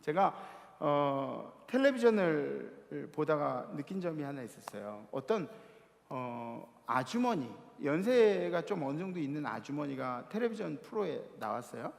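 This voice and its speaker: Male youth preacher, high and very lively pitch, animated storyteller, recorded in an echoing sanctuary. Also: measured pace, vocal fry. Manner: animated storytelling, acting out shouted quotes. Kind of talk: sermon. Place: church sanctuary. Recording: long hall reverb of a church.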